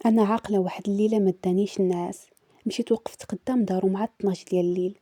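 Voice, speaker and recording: Fast, dark-voiced Moroccan woman storyteller. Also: medium pitch, steady tone, slightly rough, no echo. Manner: dramatic, brooding confessional telling. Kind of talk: first-person confession story narration.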